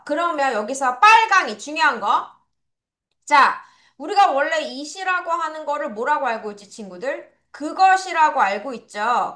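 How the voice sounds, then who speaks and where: A woman's voice: high-pitched, bright, forceful tone. A young adult woman teaching English to children in a recorded lesson, friendly, drilling pronunciation with repeat-after-me. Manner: friendly, addresses students as friends.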